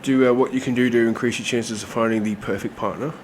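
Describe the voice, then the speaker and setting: This man reads tarot quickly in a mid-range voice, nasal and stuffy with a cold. The tone is easygoing and conversational, packed with fillers, and slight background noise can be heard.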